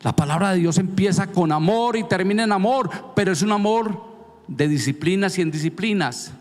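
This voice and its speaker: Man preaching a sermon, a bit high in pitch, punchy and chatty, long church reverb. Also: moderate pace. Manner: emphatic, conversational preaching with repeated questions. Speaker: pastor.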